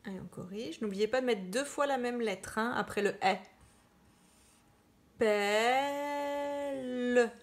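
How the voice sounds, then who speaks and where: A woman teacher giving children a slow spelling dictation, repeating each word and spelling it out. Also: fairly high pitch. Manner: slow, deliberate, spells out words and repeats them. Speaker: primary school teacher.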